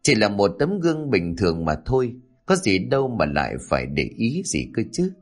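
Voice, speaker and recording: A man's voice: fairly low pitch, huge pitch swings, moderate pace. A man playing an uneasy older husband. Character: older village husband, uneasy, shaken, stubborn.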